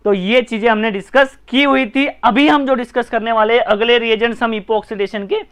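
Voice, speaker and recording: A man with an Indian accent teaching a live online chemistry class, brisk and repetitive, often urging viewers to comment, like and share. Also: very high voice, steady tone, fairly bright tone, smooth.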